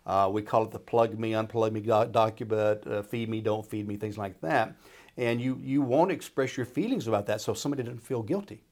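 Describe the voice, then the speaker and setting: A man with a fairly low voice explains as an advisor on a radio show. He talks informally and folksily, checking that the listener follows. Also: brisk, a little mellow. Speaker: retirement planner and radio show expert. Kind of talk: conversational explaining.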